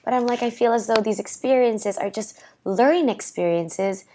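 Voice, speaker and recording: A young woman, guest in a laid-back interview, speaks with a fairly high, mellow voice at a moderate pace, with a little hiss or hum on her clip-on mic. She gestures as she talks and rambles, packing in fillers like "like" and "you know what I mean."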